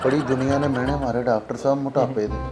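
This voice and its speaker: A man's voice: medium pitch, steady tone, quick pace, lightly acted. An actor playing an anxious, overweight male patient who pleads with his doctors over a music bed. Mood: pleading. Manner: pleading, whiny, repeats "doctor sahib". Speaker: patient in a comedy skit.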